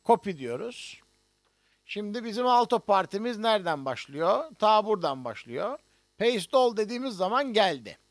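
High-voiced man teaching notation. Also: very animated, moderate pace, no room sound. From Turkey. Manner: explains step by step while working on screen, with many hesitations. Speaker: music professor. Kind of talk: online music notation lesson.

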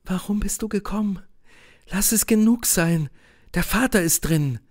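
A man's voice: sits high, unhurried, pitched above the performer's own voice. A man reading an audiobook, voicing a troubled young woman who is bound by duty, pleading and tense. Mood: resigned.

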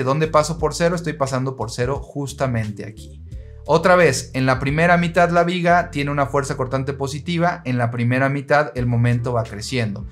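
A man with a mid-range voice gives an engineering lesson in a patient, steady manner. He speaks straight to the viewer and walks them through each step. Soft music plays faintly behind him. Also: medium pitch. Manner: patient, steady, addresses listener directly. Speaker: engineering teacher. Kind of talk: explaining structural diagrams.

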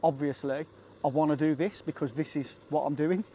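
A man's voice: a little high, fairly even intonation, normal speed, mellow, a little hiss or hum. A man chatting casually to camera on a hike, joking about himself and talking to his dog between thoughts. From England. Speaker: vlogger. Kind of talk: casual vlog chat. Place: outdoors on a hiking trail.

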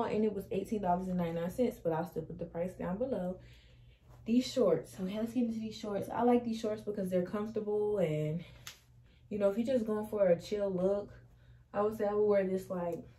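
A young fashion vlogger chats through a clothing try-on haul in her small bedroom, sassy and full of slang. Her voice is fairly low and mellow, picked up by a camera across the room in a rough recording.

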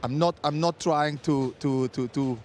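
A middle-aged man debating as a football pundit pitchside, with many restarts and non-native phrasing. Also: steady tone, unhurried, slight background noise. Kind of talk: studio-style punditry debate. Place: outdoors pitchside at a stadium. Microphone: handheld mic.

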